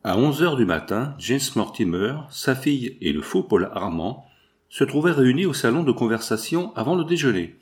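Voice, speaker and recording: Man reading a novel with lively intonation. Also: mid-range voice, moderate pace. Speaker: audiobook narrator. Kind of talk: reading a classic novel aloud.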